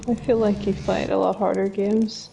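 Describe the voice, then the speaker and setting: Mellow-voiced woman chatting over gameplay. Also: medium pitch, level tone, normal speed, creaky, low-quality recording. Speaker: co-commentator watching a playthrough. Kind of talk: casual chat over gameplay.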